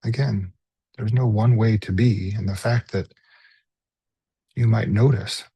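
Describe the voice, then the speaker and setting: With a lowish, steady, soft voice that is breathy and husky, a teacher takes listeners through a body scan meditation, pausing gently between short phrases at an unhurried pace. The sound is lo-fi with no room sound.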